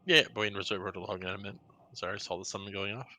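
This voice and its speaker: A man's voice: lowish voice, very fast, background noise. A man leading a raid over voice chat, explaining tactics and rallying the group. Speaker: raid leader.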